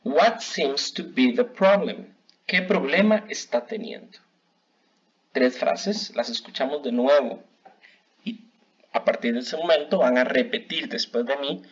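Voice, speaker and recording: Slow teacher, dull audio. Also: male voice, medium pitch, a bit bright. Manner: slow, clear model phrases for learners to repeat. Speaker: English teacher. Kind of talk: bilingual language lesson. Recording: dull lo-fi recording.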